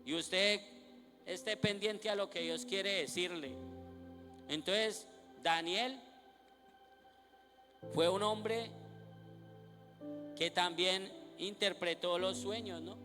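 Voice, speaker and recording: A man's voice: sits high, slow pace, long pauses, pushed and bright. A man preaching a sermon at a night vigil, reading scripture aloud and asking the congregation questions that he then answers himself. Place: church during a night vigil. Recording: reverberant church hall with music behind.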